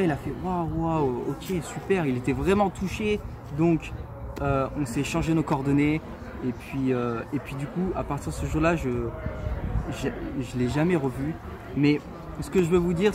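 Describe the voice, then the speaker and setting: A man in his twenties from France, telling a personal faith story in an earnest, halting way with many fillers. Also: fairly high pitch. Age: 20s. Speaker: testimony speaker. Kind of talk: casual personal testimony. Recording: clear street noise behind.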